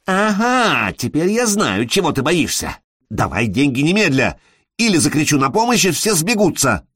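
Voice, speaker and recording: A man reading an audiobook voicing a young woman who screams insistent demands for money in a high, shrill voice. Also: big pitch swings, moderate pace, fairly bright tone, husky, dry recording, studio quality, full character voice. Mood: threatening.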